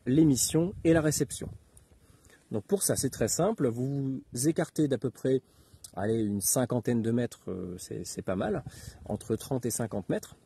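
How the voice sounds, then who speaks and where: A man giving an informal spoken tutorial as an instructor, talking haltingly with many hesitations and filler words. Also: mid-range voice, mellow, a little hiss or hum. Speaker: instructor giving outdoor radio advice.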